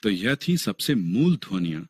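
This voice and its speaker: Male narrator for an animated lesson, low and husky voice, slow and deliberate, lively intonation. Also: dry recording. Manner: slow, deliberate explaining and spelling out sounds. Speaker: teacher. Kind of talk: scripted narration.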